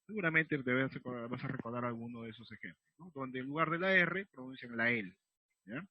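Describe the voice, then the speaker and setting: A man's voice: medium pitch, brisk, dry recording, muffled recording. A male secondary school teacher, explaining a recorded lesson patiently and checking in with his students after almost every sentence. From Peru. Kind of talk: recorded remote class lesson.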